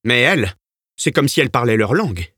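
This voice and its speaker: A man's voice: medium pitch, sing-song, a little fast, pushed and bright, husky, no echo, studio quality, full character voice. A man voicing a cheerful coachman who jokes and teases as he talks. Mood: jovial. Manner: jovial and teasing. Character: cheerful, joking adult male coachman.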